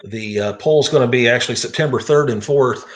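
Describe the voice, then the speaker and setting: A man's voice: medium pitch, brisk. An American man, a tractor pull announcer, hosting a casual talk show in conversation. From East Central Illinois, United States.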